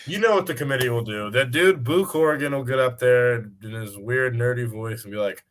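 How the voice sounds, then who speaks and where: A man's voice: medium pitch, a little fast, a little hiss or hum. A man co-hosting a casual sports chat, playful and joking as he banters about small bets. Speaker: co-host.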